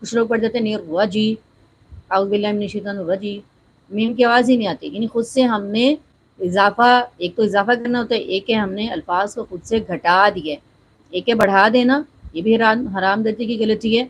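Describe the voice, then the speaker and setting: A woman teaching Quran recitation step by step. She explains each sound, demonstrates with slow drawn-out recitation, and keeps checking in with the listener. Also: on the high side, slight background noise, rough recording.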